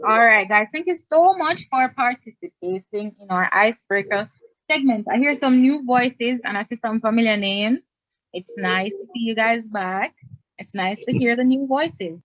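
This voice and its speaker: A woman hosting a club meeting over a video call, chatty and quick to laugh. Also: fairly high pitch, no room sound. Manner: chatty, laughs easily, second-guesses herself. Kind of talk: casual online meeting hosting. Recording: dull lo-fi online call audio.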